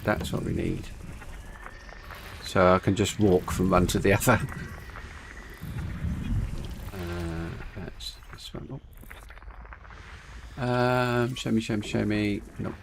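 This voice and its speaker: A man's voice: lowish voice, flat delivery, slow, pauses often. A man with a speech impediment on R and S, saying w for r, chatting casually and rambling as he streams a game. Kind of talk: casual rambling gameplay chat. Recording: clear background noise, vehicle-like game ambience.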